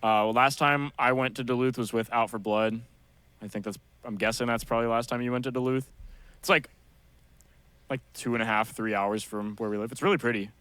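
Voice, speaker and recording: A young man with a light Minnesotan accent talks in a relaxed, slangy way, cursing as he goes. His voice is bright and forward. It sounds dry and close to the mic. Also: mid-range voice, fairly quick, clean tone, no room sound. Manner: laid-back, slangy, swears often. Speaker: musician guest. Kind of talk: casual chat.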